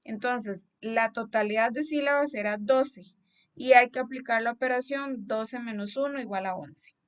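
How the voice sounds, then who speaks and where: A woman's voice: fairly high pitch, moderate pace. A young woman teacher with a Costa Rican accent who explains a lesson slide patiently and keeps checking that her students follow. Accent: Costa Rican Spanish. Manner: patient, explanatory, asks "¿verdad?" to check understanding.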